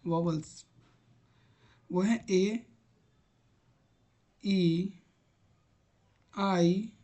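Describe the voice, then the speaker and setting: A man's voice: high-pitched, fairly even intonation, extremely slow, dark tone. A man teaching an online grammar lesson, patiently repeating examples aloud as he types on screen. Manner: talks while typing on screen.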